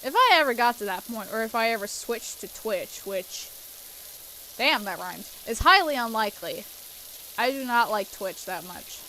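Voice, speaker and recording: A young woman with a stuffy nose chats casually into a desk mic at home. Her voice sits a little high. She rambles with plenty of fillers and swears offhandedly, over a faint hiss. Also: expressive, normal speed, bright, forceful tone, low-quality recording. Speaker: streamer. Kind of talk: casual chat while gaming.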